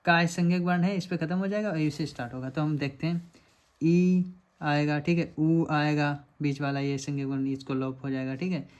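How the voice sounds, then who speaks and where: Speaking fast in a fairly high voice, a man lectures through quiz questions one step at a time. His manner is explanatory, and he repeatedly asks "samajh rahe hain aap" to make sure students are keeping up.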